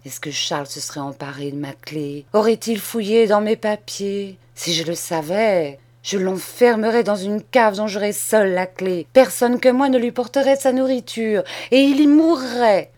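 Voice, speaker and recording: A woman doing a shrill, scolding old miser. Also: lively intonation, measured pace, natural voice. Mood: anxious scheming. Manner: shrill, scolding, sharp outbursts. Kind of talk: audiobook character reading.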